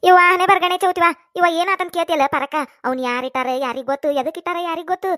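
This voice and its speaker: A woman voicing an excitable gossiping village woman with a North Karnataka Kannada accent, in a cartoon. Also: extremely high pitch, racing, dry recording, studio quality.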